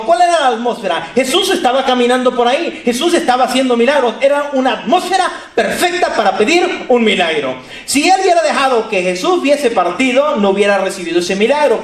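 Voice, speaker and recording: A man's voice: very high-pitched, echoey room. A man preaching a sermon, emphatic and repetitive, speaking straight to his listeners. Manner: emphatic, repeats phrases, addresses listeners directly.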